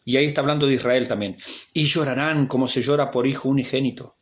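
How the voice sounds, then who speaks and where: A man with an Argentine accent, a pastor teaching a Bible class as a sermon, swinging between emphatic raised lines and hushed asides. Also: medium pitch, steady tone, quick pace. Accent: Argentine Spanish.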